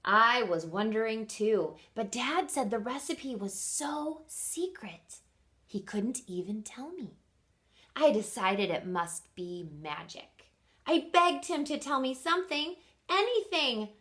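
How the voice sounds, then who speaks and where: A slightly high female voice belongs to a teacher and host reading a storybook expressively to young children. She frequently breaks to ask them questions.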